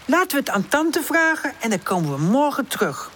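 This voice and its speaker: A woman voicing a cautious, rule-minded little female puppy in a children's audiobook, high and lively. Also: a little fast, a little hiss or hum. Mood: hesitant. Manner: hesitant, rule-minded, cross.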